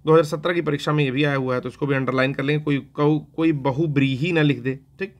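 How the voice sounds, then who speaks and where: Talking at a quick pace in a steady, slightly high voice, this teacher runs a spelling class for exam preparation. He chats casually, keeps asking "theek hai na," and murmurs to himself as he writes on the board.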